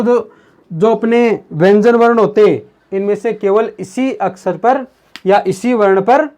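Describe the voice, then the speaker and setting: A man teaching a grammar lesson on video. He talks slowly and repeats himself, calls the viewers his friends, and asks questions that he then answers himself. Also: high-pitched, a little mellow. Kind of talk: video lesson explaining at a board.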